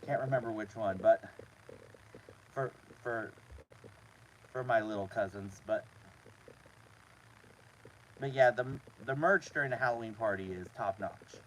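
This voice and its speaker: A man hosting a casual live stream from inside a small trailer, talking to his chat in a halting way with repeated words. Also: mid-range voice, a little hiss or hum, poor audio. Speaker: host of a live show.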